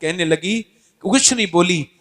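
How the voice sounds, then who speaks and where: A man preaching an impassioned sermon to a live gathering, exhorting his listeners and swinging from hushed storytelling to shouting. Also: high voice, unhurried. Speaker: Islamic preacher.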